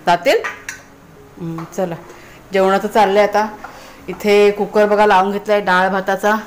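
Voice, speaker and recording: A woman's voice: mid-range voice, level tone, measured pace, a little hiss or hum. A woman from Konkan, Maharashtra, chatting casually as she explains her cooking to viewers in a home vlog. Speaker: vlogger. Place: village home kitchen.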